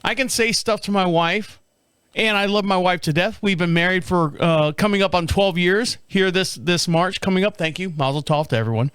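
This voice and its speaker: A man's voice: high-pitched, moderate pace, fairly bright tone, clean tone, no room sound. A man in his fifties hosting a solo podcast from a studio, rambling and repeating himself, laughing often. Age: 50s. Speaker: podcast host. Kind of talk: casual solo monologue.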